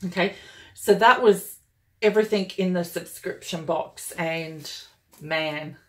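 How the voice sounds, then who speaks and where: A woman's voice: on the low side, slow pace. A woman talking casually and enthusiastically as she unboxes and reviews a planner kit, gushing over each item. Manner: gushing and enthusiastic, chatty with fillers.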